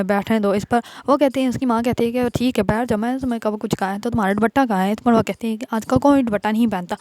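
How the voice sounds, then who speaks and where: A woman casually retelling a drama episode as a narrator, often pausing on hesitant filler sounds. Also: fairly high pitch, a little mellow, no room sound.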